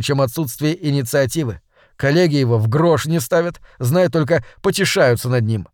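A man narrating a novel as an audiobook reader in an even storytelling manner. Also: fairly high pitch, dry recording. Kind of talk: scripted narration. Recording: dry close studio sound.

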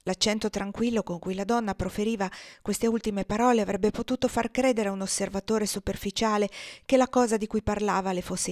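Woman audiobook reader, calm, steady literary narration. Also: medium pitch, no room sound, clean studio sound.

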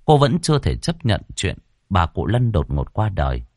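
A man narrating a ghost story, dramatic and slowing down for suspense. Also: deep voice, huge pitch swings, gravelly, darkish tone, dry recording, clean studio sound.

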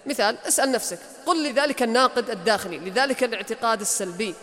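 A man's voice: very high-pitched, rapid-fire, pushed and bright, long reverb tail. A man gives an emphatic motivational lecture as a coach, repeating key lines for effect.

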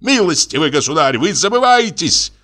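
A wealthy, spoiled gentleman with a quick temper, voiced by a male audiobook reader. His voice climbs into a shrill, squealing register. The lines are delivered as shrieking outbursts in a storybook reading. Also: big pitch swings. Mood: outraged.

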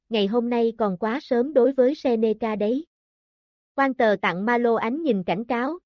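A woman reading a novel aloud as an audiobook narrator, in steady scripted narration. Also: on the high side, no echo. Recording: dull, dry lo-fi audio.

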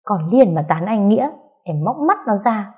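A woman voicing a sharp-tongued young woman who mocks her friends. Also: medium pitch, sing-song, normal speed, lightly acted. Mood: sassy. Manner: mocking, sassy.

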